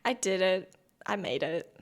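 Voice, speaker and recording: A woman's voice: on the low side, expressive, measured pace. A woman hosting her own channel as a spiritual coach, talking to camera in a chatty, rambling and earnest way, full of fillers. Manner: earnest and heartfelt. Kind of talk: casual direct-to-camera vlog.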